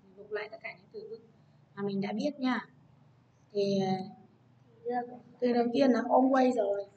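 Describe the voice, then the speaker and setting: A woman's voice: on the high side, fairly even intonation, moderate pace, warm tone, lo-fi sound, a little hiss or hum. A woman teaching an English lesson to children, explaining patiently and prompting her students.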